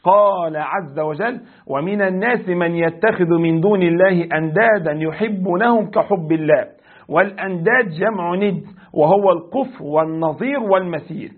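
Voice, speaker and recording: An Egyptian man teaching a religious lesson in a high, husky voice. He explains point by point, recites verses and asks his class questions. The sound is tinny and phone-like, as if from a lo-fi recording. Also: moderate pace. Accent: Egyptian Arabic. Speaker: sheikh teaching a creed text.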